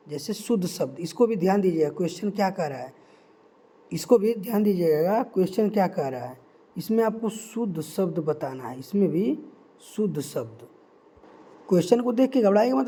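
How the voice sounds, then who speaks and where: A young man tutoring for an exam, reading out answer options slowly and repeating key words for emphasis. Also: high voice, dark tone. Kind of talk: quiz-style teaching.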